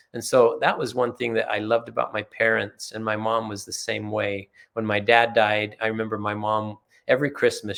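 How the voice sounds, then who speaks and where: A man from Utah with a low, gravelly voice. As a podcast guest, he rambles through earnest family anecdotes in a relaxed way, slipping into the voices of the people he quotes. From Utah, USA. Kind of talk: casual storytelling in conversation.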